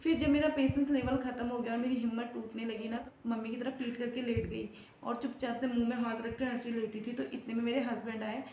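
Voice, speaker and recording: A woman's voice: on the high side, level tone, fairly quick, a little hiss or hum. A young woman vlogger telling her own story in a confiding, emotional way, full of fillers. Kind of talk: personal storytelling. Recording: roomy, slightly dull home recording.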